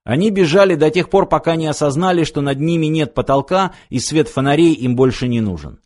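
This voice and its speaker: A man reading an action audiobook aloud in a steady, measured way. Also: a little high. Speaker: audiobook narrator. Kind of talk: scripted narration.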